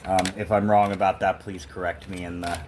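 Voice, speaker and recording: Talking fairly quickly in a low voice with little pitch movement, a music-loving vlogger shows the camera what he found at a thrift store. His style is casual, emphatic, opinionated and rambling, and there's background noise.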